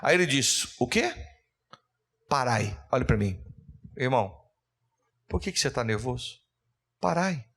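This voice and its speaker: A man pastor, preaching a fervent sermon that rises into loud calls and readings from scripture. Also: medium pitch, lively intonation, normal speed, vocal fry, long pauses.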